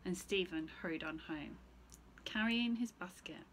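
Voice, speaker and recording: The recording is low quality with a little hiss or hum, capturing a teacher in her thirties reading a picture book to children. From an armchair in a small, bright indoor room, she reads expressively in a lowish voice at a measured pace and asks the listener questions between lines.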